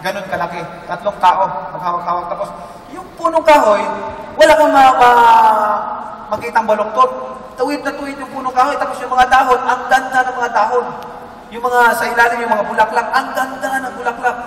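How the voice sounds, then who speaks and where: A man giving an earnest, halting personal testimony to a group. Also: very high-pitched, fairly bright tone. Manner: earnest, halting, with many restarts. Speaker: testimony speaker. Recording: echoey room, mic far off.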